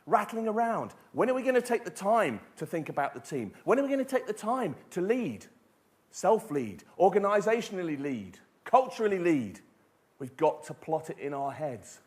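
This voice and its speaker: A man's voice: high-pitched, very animated, normal speed. A middle-aged man giving an emphatic keynote talk, telling stories and asking rhetorical questions. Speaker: motivational speaker. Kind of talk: keynote speech.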